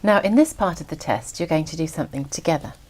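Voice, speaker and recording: A woman serves as an examiner and reads out scripted test instructions. Her voice sits a little low, and her delivery is formal and measured. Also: expressive, a little hiss or hum.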